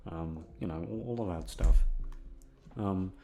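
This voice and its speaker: Background music plays as a young male audio content creator rambles casually, goofy, sweary and self-deprecating. He speaks in a low, warm voice at a measured pace.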